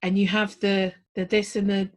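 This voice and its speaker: A woman's voice: medium pitch, level tone, moderate pace. A woman co-hosting a podcast, chatting casually with a teasing, informal comic manner. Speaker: podcast co-host. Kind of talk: casual comedic banter.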